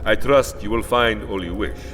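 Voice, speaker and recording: A man playing a tall old vampire count in a gothic audio drama, courtly, formal and deliberate, with a foreign accent. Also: lowish voice, a bit bright, lightly acted. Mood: gracious, formal. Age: older. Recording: long hall reverb, music behind. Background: music.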